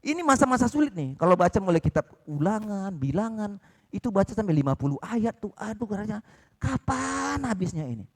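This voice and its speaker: A man preaching a sermon at a church service, talking in an animated way and often asking the congregation "ya kan?". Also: high-pitched, fairly quick, creaky. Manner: acts out quoted dialogue in changed voices.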